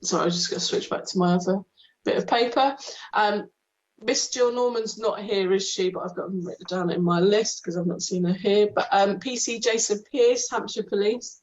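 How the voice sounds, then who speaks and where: A woman's voice: mid-range voice, moderate pace. Woman chairing over a video call. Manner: reads procedure aloud with hesitant ums. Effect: heard over a video call. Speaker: committee chair. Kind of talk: formal meeting procedure. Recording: dull lo-fi video call audio.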